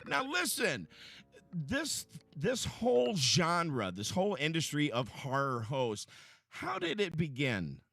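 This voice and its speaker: A man's voice: on the high side, wildly swooping pitch, slow, gravelly, bright, forceful tone, no room sound. A man hosting a conversational interview in an eager, agreeable, joking way. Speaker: interviewer, program host.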